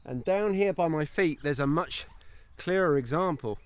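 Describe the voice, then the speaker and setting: Out in a grassy paddock, a man in his thirties who runs a homesteading channel walks and talks through mushroom foraging tips. His voice is a little high, with lively intonation at a normal speed, recorded on a phone at arm's length with no room sound, and he comes across chatty and enthusiastic as he points things out.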